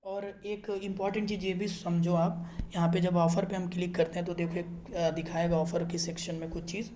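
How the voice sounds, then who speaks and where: In an echoey room with faint hiss or hum, a channel host walks viewers through a trading app in a relaxed screen-recorded video. His voice is high and warm with little pitch movement, he talks a bit fast, and he keeps checking that his audience is following along.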